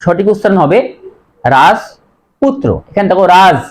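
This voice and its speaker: A male teacher explaining pronunciation rules to students, slowly spelling each word letter by letter and repeating it. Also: on the high side, animated, a little mellow.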